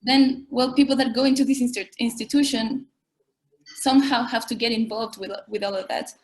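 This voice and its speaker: A woman's voice: a little high, steady tone, a little fast. A woman, explaining her views as an activist guest in a panel discussion.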